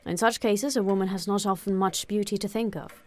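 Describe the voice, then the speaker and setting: A wry middle-aged British gentleman husband voiced by a woman narrator in a classic-novel audiobook. He teases with reserved, sarcastic wit. The recording is dry and close. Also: mid-range voice, fairly even intonation, fairly quick, no room sound, close to an everyday voice. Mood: dry, teasing. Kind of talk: audiobook character acting.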